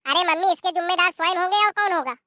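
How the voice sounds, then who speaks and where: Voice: extremely high pitch, racing, bright, forceful tone, no echo, studio quality. A performer voicing a cheeky, complaining young brother-in-law.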